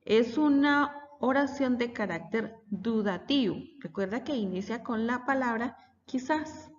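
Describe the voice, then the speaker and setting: A woman teacher patiently explains a lesson for children, reading example sentences aloud in a fairly high, animated voice at an unhurried pace. The recorded classroom lesson has a distant mic and dull audio with long reverb.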